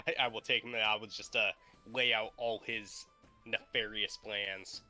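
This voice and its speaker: A man playing a tabletop game, eager and quick to laugh. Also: on the low side, steady tone, bright, forceful tone, faint music behind. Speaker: player. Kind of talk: casual tabletop game play.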